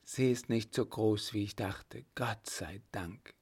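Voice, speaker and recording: A man voicing an anxious, tender young woman who speaks in a breathy hush, read slowly in an audiobook. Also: fairly low pitch. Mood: tender worried. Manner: breathy, hushed.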